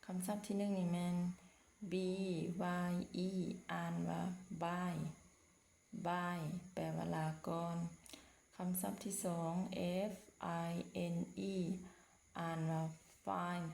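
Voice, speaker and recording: Slow, patient woman teaching English words. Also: fairly low pitch, flat delivery, gravelly, dark tone. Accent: Lao. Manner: slow, patient, repeats each word. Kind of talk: vocabulary lesson for pupils. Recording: echoey room with faint noise.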